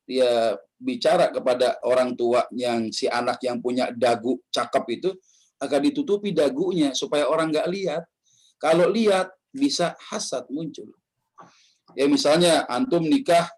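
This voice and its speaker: During an online study session, a preacher with a medium-pitched, slightly mellow voice gives a casual religious talk, joking, laughing often, and acting out the voices he quotes. The recording is rough.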